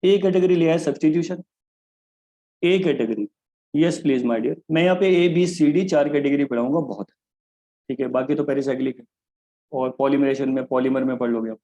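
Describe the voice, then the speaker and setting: A man giving a chemistry lecture, often calling his students "kids" and switching between Hindi and English. He slows down deliberately to spell out key phrases. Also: medium pitch, mellow, lo-fi sound. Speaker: chemistry teacher. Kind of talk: classroom lecture.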